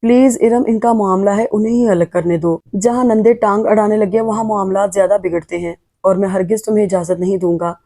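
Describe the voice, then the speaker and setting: A woman's voice: mid-range voice, fairly even intonation, fairly quick, hardly any pauses, dark tone, close to an everyday voice. A woman voicing a firm young husband in an audio novel who stammers evasively and then scolds. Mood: scolding.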